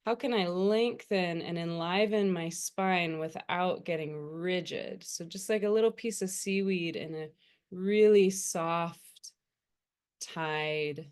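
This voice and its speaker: Gentle and very slow, a woman meditation teacher soothingly leads the listener, her voice low, smooth and resonant. She leaves unhurried pauses between her phrases.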